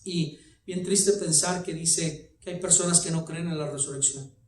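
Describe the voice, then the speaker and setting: A man preaching a sermon as a guest pastor, swinging from loud shouts to low quiet lines. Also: fairly even intonation, moderate pace. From Texas, United States. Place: church sanctuary. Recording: echoey church from a distant mic.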